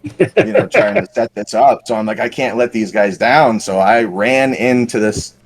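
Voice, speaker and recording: A man's voice: medium pitch, animated, moderate pace, gravelly. A man on a podcast casually telling a long paintball story, rambling and self-deprecating with lots of fillers. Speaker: podcast co-host.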